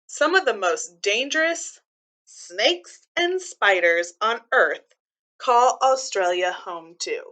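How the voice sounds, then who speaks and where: Taking it slowly, a woman with a bright, fairly high voice reads a picture book like a teacher, her intonation lively. She moves back and forth between reading and commenting, explaining everything plainly for children.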